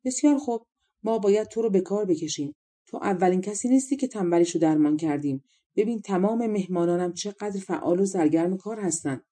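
Stern lecturing storybook giant done by a woman, dark voice. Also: mid-range voice, close to an everyday voice. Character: stern male giant who puts idlers to work.

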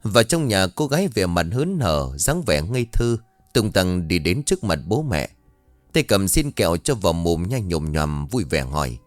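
A man narrating a ghost story in a dramatic, expressive scripted reading. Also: low-pitched, normal speed, no room sound, soft background music.

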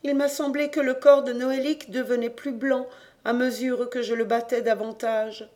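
An audiobook reader voicing a grieving mother who speaks in a high, strained, imploring voice. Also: level tone, normal speed, a little mellow, lightly acted. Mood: quietly wondering. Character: grieving old Breton mother, pleading.

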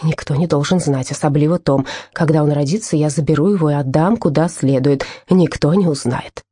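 A woman's voice: low voice, a little fast, warm tone, no room sound, voice pushed down. A woman voicing a coarse, crude, scheming working-class mother in an audiobook. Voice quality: rough, crude and scolding. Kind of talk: audiobook character voice.

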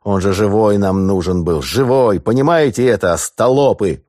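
A man's voice: low-pitched, moderate pace, darkish tone, no room sound, clean studio sound. A man voicing a scheming revolutionary official who speaks with cold sarcasm and snaps when crossed, in an audiobook. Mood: furious. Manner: sarcastic and cold, then snapping.

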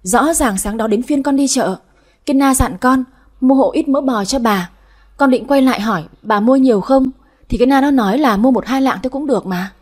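A meek young maidservant, as a woman narrator voices her, answering quietly and politely. Her voice is high and breathy. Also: a little fast. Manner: soft-spoken, polite.

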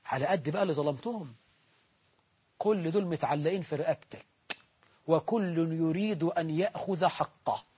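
An Egyptian man preaching a sermon, telling stories with passion and moving between loud and soft delivery, on a dull recording. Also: on the high side, moderate pace, long pauses, breathy edge. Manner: impassioned storytelling, shifts between loud and soft.

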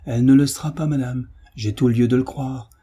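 A man reading aloud as a devoted gentleman, speaking with calm, earnest reassurance. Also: mid-range voice, fairly quick, husky, lightly acted. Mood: reassuring.

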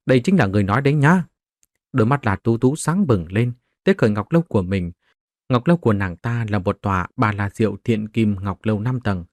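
A man's voice: lowish voice, fairly quick, a little mellow, no room sound. A man narrating a martial-arts novel as a scripted audiobook, voicing the characters in his own voice.

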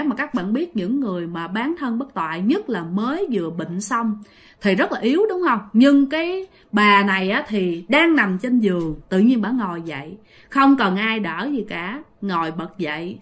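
A woman's voice: medium pitch, very animated, moderate pace. A woman with a Southern Vietnamese accent telling a ghost story in a casual, chatty way, often speaking straight to her listeners. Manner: chatty, addresses listeners directly.

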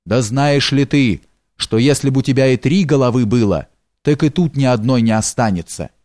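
A man's voice: mid-range voice, normal speed, darkish tone, dry recording, studio quality, natural voice. A man voicing a sly, fawning male steward in an audiobook, with a coaxing, wheedling way of talking. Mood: alarmed.

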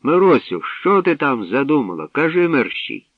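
A man voicing a loud, commanding old tsar with a booming manner. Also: very animated, normal speed, no echo, narrow, tinny audio.

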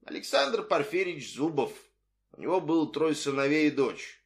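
A man's voice: a little high, lively intonation, moderate pace. A man voicing a haughty, stern old beggar on church steps, speaking in a raised, dignified voice. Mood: solemn.

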